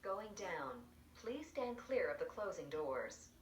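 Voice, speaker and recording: A woman's recorded elevator announcement voice played from the panel speaker, speaking in measured, evenly spaced public-address phrasing. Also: lowish voice, big pitch swings. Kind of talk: calm automated announcements. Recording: echoey, distant speaker with faint noise.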